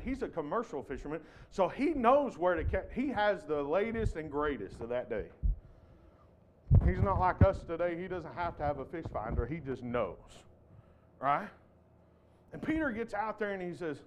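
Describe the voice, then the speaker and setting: A man preaching a sermon as a traveling missionary, folksy and emphatic, with rhetorical questions to the congregation. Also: fairly high pitch. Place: church.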